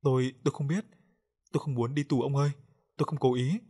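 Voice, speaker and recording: A man's voice: mid-range voice, fairly even intonation, quick pace, mellow, husky, voice pushed up, close to an everyday voice. A man voicing a terrified middle-aged village wife, crying and stammering as she pleads with her husband. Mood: terrified pleading.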